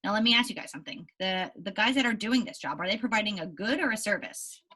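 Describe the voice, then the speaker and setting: An elementary school teacher leads a read-aloud lesson for young children, explaining things in an animated way and often stopping to check in with questions. Her voice is slightly husky, medium in pitch, and she speaks quickly.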